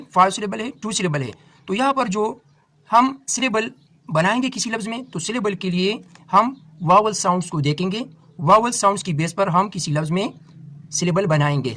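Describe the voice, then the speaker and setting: A young man with a Pakistani accent, a teacher steadily explaining a solved exam paper question by question, reading the English questions out slowly. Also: high voice, bright, forceful tone. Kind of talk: exam-prep lesson, solving a test paper.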